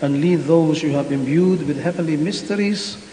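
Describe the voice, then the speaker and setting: A man, a priest intoning prayers in a measured way at an online Mass, his voice carrying a cathedral echo. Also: a little high, warm tone. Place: large church. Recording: echoey hall with faint hiss.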